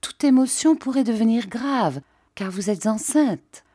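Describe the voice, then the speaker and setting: A woman reading the part of a calm male doctor speaking low to soothe a patient. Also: measured pace, husky, dry recording, studio quality. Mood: soothing. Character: calm country doctor, man.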